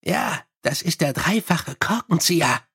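A man putting on a scruffy little corporal for an audiobook, chattering on with cheerful, unbothered eagerness. The voice sits fairly high and bounces upward when he gets keen. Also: expressive, measured pace, a bit bright, breathy edge, dry recording, clean studio sound, full character voice. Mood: chatty. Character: scruffy small male corporal, chatty and cheeky.

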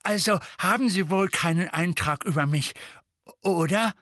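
A jittery, eccentric older woman speaks in a shaky, high, wavering voice and babbles quickly, as a male reader puts her on. The sound is close and dry. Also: fairly bright tone, no echo. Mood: nervous. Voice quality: shaky, quavering. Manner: indignant, babbling.

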